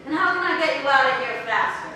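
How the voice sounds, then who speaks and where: Woman doing a gruff old mob boss lady, curt, sounds far off in a big echoey hall. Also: high voice, lively intonation, fast talker. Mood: impatient. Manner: curt, impatient. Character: tough former mafia boss woman, curt and guarded.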